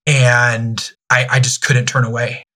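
A man in his thirties, a youth ministry director, speaking candidly as a podcast guest, pausing and restarting often. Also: medium pitch, flat delivery, bright, forceful tone. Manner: halting, many restarts and fillers.

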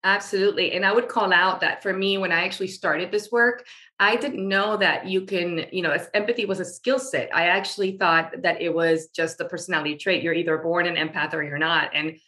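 A woman's voice: on the low side, fairly even intonation, fairly quick, sharp tone. A woman from Venezuela, a guest on a podcast interview, talking eagerly with plenty of fillers. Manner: eager, talkative, with frequent fillers. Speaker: guest, marketing storyteller.

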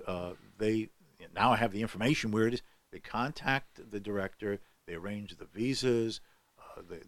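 On a podcast conversation, an older guest scholar tells a lengthy tale, often restarting and using filler words. His pitch is fairly low, and the recording has no room sound.

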